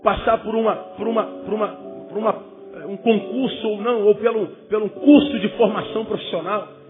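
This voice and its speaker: A man's voice: high voice, fairly even intonation, brisk. A man preaching a sermon to young people as a pastor, emphatic, with rhetorical questions and joking asides. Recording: phone-like, with loud music.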